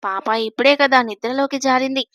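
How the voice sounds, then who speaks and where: Woman doing a young wife in a storybook reading, coy and mischievous, coaxing her husband, high voice, dry close sound. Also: fairly even intonation, fairly quick, fairly bright tone, no room sound. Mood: coy playful.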